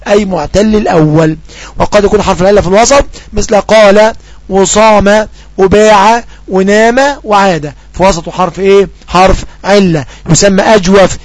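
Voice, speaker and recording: A man with an Egyptian accent teaching Arabic grammar. He asks quick questions and answers them himself, and slows down to read out the example sentences. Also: high voice, no echo. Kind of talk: grammar lesson.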